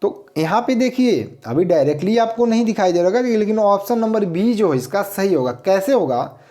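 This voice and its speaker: A man's voice: high voice, lively intonation, brisk, dark tone. A man teaching a grammar lesson for exam students, explaining step by step and asking and answering his own questions.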